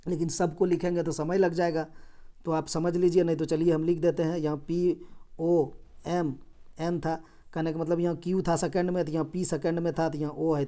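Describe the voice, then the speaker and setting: Male coaching teacher, mellow dark tone, patient and repetitive, walks through each question step by step. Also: a little high. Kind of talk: reasoning lesson explained step by step.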